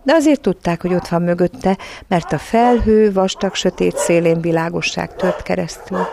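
A woman reading a children's audiobook as narrator, in calm, even storytelling. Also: lowish voice, gravelly, noisy background.

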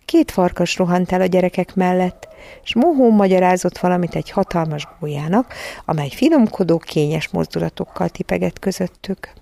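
A woman narrating a children's storybook in a calm, even reading voice. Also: lowish voice, gravelly. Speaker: audiobook narrator.

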